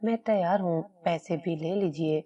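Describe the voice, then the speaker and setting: A woman's voice: on the low side, warm tone, dull audio, close to an everyday voice. Woman reading a worried mother. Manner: pleading, then stern. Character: anxious mother guarding a secret.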